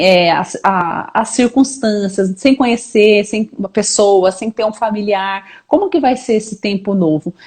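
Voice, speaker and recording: A woman's voice: mid-range voice, a little mellow. Brazilian woman w/ são paulo accent, earnest encouraging faith chat, keeps tagging "né?". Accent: Brazilian Portuguese, São Paulo. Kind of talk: faith-based live chat.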